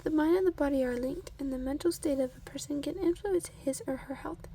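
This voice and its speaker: A woman doing a soft-spoken ASMR reading from a book in a gentle, breathy voice that often sinks into a whisper, unhurried, with murmured asides. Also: sits high, a little hiss or hum.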